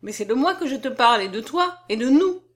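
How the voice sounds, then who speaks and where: A woman's voice: fairly high pitch, normal speed, close to an everyday voice. A confident young man who teases and lectures by turns, read by a woman. His tone sits between mockery and solemnity. It is a storybook part, close to the reader's own voice. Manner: lively, half mocking, half solemn. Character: young man, confident, teasing, self-assured suitor. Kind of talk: audiobook character voice.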